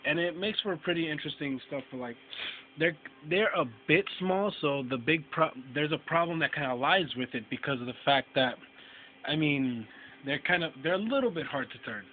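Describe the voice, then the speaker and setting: A man's voice: on the high side, animated, moderate pace. Rambling man reviewing toys on a tinny line. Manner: rambling, many fillers and restarts. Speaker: toy reviewer. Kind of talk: casual vlog review. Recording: tinny phone-like sound, faint noise.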